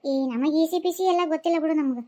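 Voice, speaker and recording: A woman's voice: high-pitched, very fast, mellow, lightly acted. A woman voicing chatty village woman Lakshmakka. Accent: North Karnataka Kannada. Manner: chatty, gossiping. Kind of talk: cartoon voice acting.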